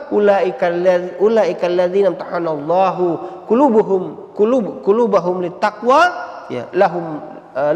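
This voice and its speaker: A man giving a lively sermon, often calling his listeners "Pak" and reciting Arabic verses slowly. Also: high-pitched. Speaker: religious teacher. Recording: echoey hall.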